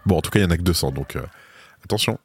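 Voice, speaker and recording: A man's voice: deep voice, animated, very fast, slightly rough, no echo. A man with a French accent hosting a podcast in casual, informal talk, with a self-mocking streak. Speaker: podcast host.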